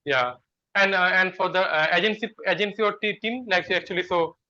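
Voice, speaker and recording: A man explaining software features on a video call, halting, with many fillers and restarts. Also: high-pitched. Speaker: software developer. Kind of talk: video call work meeting. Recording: dull lo-fi call audio.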